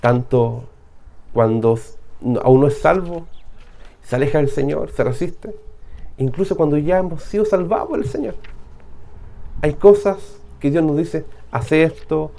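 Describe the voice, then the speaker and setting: Chilean pastor preaching with rhetorical questions. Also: male voice, a little high, a little slow, vocal fry, long pauses, dark tone. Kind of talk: sermon.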